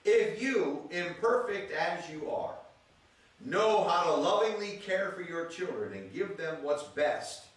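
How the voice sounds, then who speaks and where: A man's voice: sits high, expressive, slow. A man preaching a sermon as pastor, reading scripture aloud and calling out to his congregation in a church. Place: church sanctuary. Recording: echoey church room, voice from a distance.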